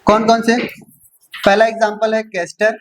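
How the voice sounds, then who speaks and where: A teacher lecturing to a class, mixing in technical English terms. They often pause to check "clear?" and then answer their own questions. Key terms come slowly and get repeated, in a voice of middling pitch. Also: level tone, slight background noise, poor audio.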